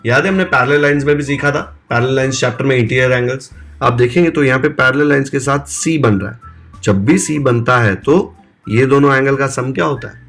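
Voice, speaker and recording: A man's voice: medium pitch, brisk, fairly bright tone, soft background music. A man teaching math, explaining step by step and asking himself questions, mixing Hindi with English terms. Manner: explains step by step, asks and answers his own questions. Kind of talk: classroom-style video lecture.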